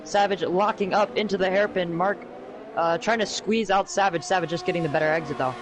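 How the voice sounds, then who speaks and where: Higher-voiced male co-commentator over background noise. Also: brisk. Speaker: esports racing co-commentator. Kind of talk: live sim racing commentary. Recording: clearly noisy background.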